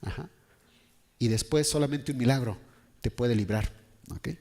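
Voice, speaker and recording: Emphatic preacher in a reverberant hall. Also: male voice, medium pitch, a little slow. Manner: emphatic preaching, rising to loud bursts, rhetorical questions. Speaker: pastor. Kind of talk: Sunday sermon. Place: church hall. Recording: long church reverb.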